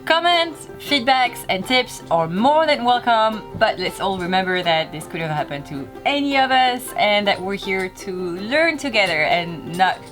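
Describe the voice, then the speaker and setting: A woman's voice: medium pitch, animated, moderate pace, hardly any pauses. Congested, duck-voiced woman vlogger. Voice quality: congested, nasal, duck-like from being sick. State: sick with a cold. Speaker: sailing vlog host. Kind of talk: presenting to camera and storytelling. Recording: music playing behind.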